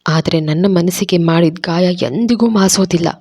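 A woman's voice: normal speed, darkish tone, breathy edge, no echo, clean studio sound. A woman voicing a hurt and angry young heroine in a dramatized romance story reading, accusing and pained. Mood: bitter. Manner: accusing, pained, raised pitch. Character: young woman, wounded and furious.

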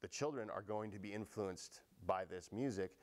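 A man's voice: on the low side, normal speed. A man answering a documentary interviewer in long, earnest, explanatory sentences.

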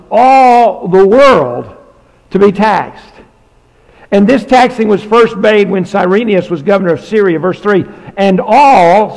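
A man's voice: high voice, creaky, in a large hall, low-quality recording. A man preaching a sermon in a church as pastor, emphatic and folksy, repeating key phrases and dropping asides to his congregation. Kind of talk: sermon with prayer. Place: church sanctuary.

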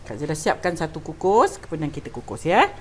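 A middle-aged woman with a Malaysian accent, hosting a casual cooking demonstration, chatty and quick to laugh, slipping English into her speech. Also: low voice, very animated, a little hiss or hum. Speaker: chef and cooking show host.

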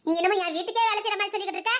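This is a spoiled, haughty young rich woman who answers in an indignant, petulant way, as a woman acts her out. Her voice is shrill, very high and bright. It is an audio drama performance. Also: rapid-fire.

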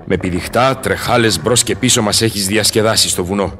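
A man's voice: lowish voice, a bit bright, slight background noise, close to an everyday voice. A man playing Faust, a learned, solemn old scholar, declaiming and musing aloud in verse in a Greek radio drama. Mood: gently chiding.

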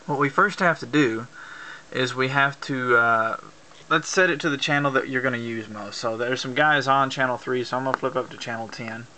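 Demonstrating how to use a CB radio, an amateur instructor walks through the steps plainly in an informal hands-on tutorial. His medium-pitched voice is bright and forceful at a moderate pace, but the audio is poor, with faint background noise and clicks from an amateur camera.

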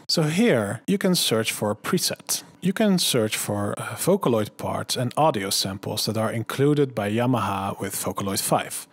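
A man narrating a software tutorial voice-over, calmly walking through each click and setting step by step. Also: on the low side, no room sound. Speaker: tutorial host.

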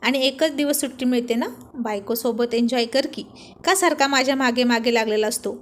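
A woman voicing a playful, teasing young husband in a storybook, joking and bantering in a fairly high voice. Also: brisk, close to an everyday voice. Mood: scolding.

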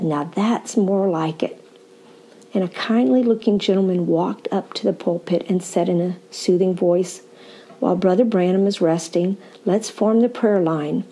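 Older woman evangelist, dark husky voice. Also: on the low side, poor audio. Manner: slow, deliberate reading with fillers. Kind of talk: sermon teaching.

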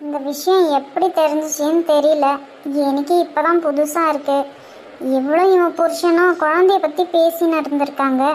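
A woman voicing an anxious female relative who tries to hush an angry elder in a cartoon. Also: sits high, steady tone, moderate pace, slight background noise, lightly acted. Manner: anxious, hushing.

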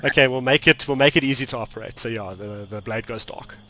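A man running a tabletop game as game master, narrating in halting, restarting phrases. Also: mid-range voice, crowd noise.

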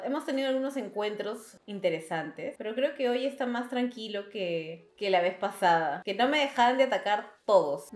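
A young woman gamer giving let's play commentary, shrieking and laughing as she reacts to the game. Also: on the high side. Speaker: gaming YouTuber. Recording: echoey room, faint game music. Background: game music.

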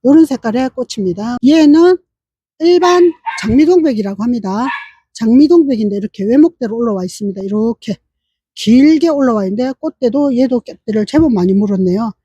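A woman's voice: fairly high pitch, animated, a little fast, mellow, breathy edge, no echo, muffled recording. A middle-aged woman, chatting casually as she shows off plants in a flower nursery vlog, repeating herself as she points things out. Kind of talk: casual show-and-tell vlog.

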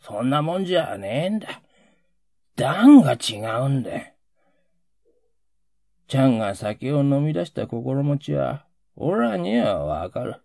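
A man voicing a rough, emotional working-class Edo man who pleads in coarse old Edo street speech. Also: mid-range voice, very animated, a little slow, long pauses, mellow, no room sound, clean studio sound, voice pushed up. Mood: pleading.

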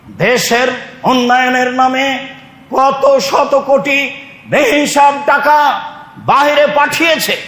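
Speaking in an extremely high, fairly bright voice, a Bangladeshi man delivers an Islamic sermon to a congregation. His style is emphatic and declamatory, with passages of Arabic recitation, and the echoey hall gives everything a long reverb.

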